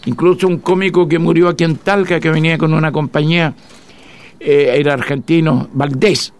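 A man's voice: a little high, fairly even intonation, moderate pace, darkish tone. An older man, hosting a radio show in a chatty, reminiscing way from a studio. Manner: chatty, reminiscing, laughs at own jokes. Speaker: radio host. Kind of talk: casual radio chat.

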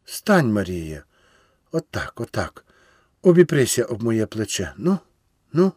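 A man's voice: lowish voice, big pitch swings, measured pace, a little mellow, slightly rough, no room sound, full character voice. Man reading a kind old village neighbor, coaxing, dry close sound.

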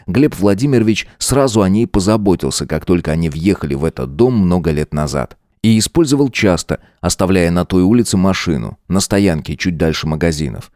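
A man narrating an audiobook in a steady, measured way. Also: sits low, no echo, studio quality. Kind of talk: scripted narration.

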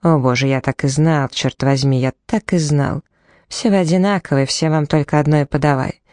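A woman's voice: low-pitched, moderate pace, a little mellow, no room sound, studio quality, lightly acted. Woman doing a drunken leering man. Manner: panting, leering. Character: drunken aggressive man, lecherous.

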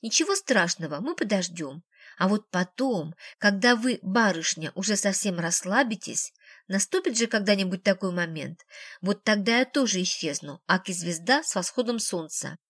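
A woman's voice: mid-range voice, expressive, moderate pace, a bit bright, no echo, studio quality. A woman voicing a grown man, a doctor, who is wry and a little defensive, in an audiobook.

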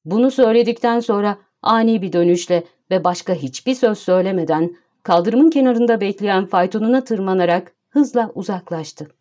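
A woman narrating an audiobook in a measured, storytelling manner. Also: medium pitch, warm tone. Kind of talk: scripted narration.

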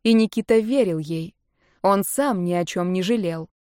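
A woman's voice: mid-range voice, moderate pace, dark tone, dry recording, clean studio sound. Woman reading a romance audiobook. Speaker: audiobook narrator.

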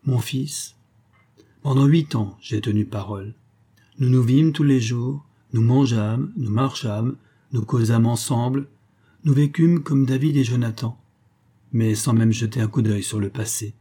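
A man reading a literary story aloud as an audiobook narrator, in a measured, even storytelling manner. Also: mid-range voice, husky.

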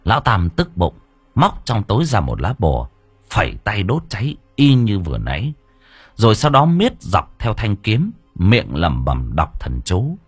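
A man narrating an audiobook story in a lively, expressive way. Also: on the low side, unhurried, breathy edge, no room sound.

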